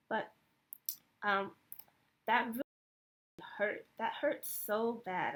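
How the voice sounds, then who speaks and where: A woman's voice: medium pitch, a bit bright. A woman in her thirties from the United States, giving a reflective personal monologue in a hesitant way with many fillers and restarts. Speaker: vlogger.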